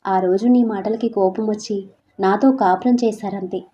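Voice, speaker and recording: A woman voicing a young wife who is hurt but stands firm, speaking softly and with resolve. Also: mid-range voice, fairly even intonation, normal speed, natural voice. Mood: sad. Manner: soft, tearful, turning resolute. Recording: slightly dull lo-fi audio.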